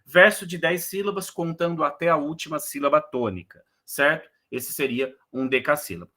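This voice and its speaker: A man giving a casual online lecture on verse rhythm, explaining in a relaxed way and counting syllables aloud. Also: fairly high pitch, moderate pace. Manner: casual explanatory, frequent "né" and "beleza". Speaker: poetry course instructor.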